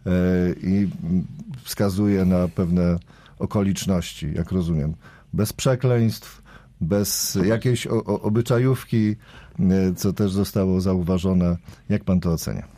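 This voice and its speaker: A man's voice: deep voice, steady tone, slow, mellow, no echo. A man moderating a political panel discussion, introducing guests and posing questions, often hesitating with fillers. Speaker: talk show moderator.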